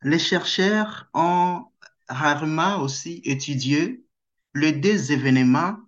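A man who is a guest researcher answers interview questions slowly and hesitantly, with many pauses and fillers. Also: fairly high pitch. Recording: dull lo-fi sound.

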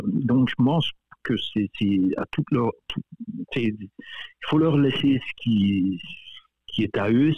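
Man, guest coach, low-ish voice, halting and repetitive, phone-line audio. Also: no room sound. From Belgium. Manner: hesitant, many repeated words and fillers, laughs often. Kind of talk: casual radio interview.

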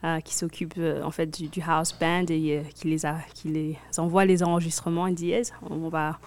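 A young African woman who makes hip-hop chats backstage during an interview, relaxed and full of fillers and restarts. Her voice is low-pitched and her pace moderate.

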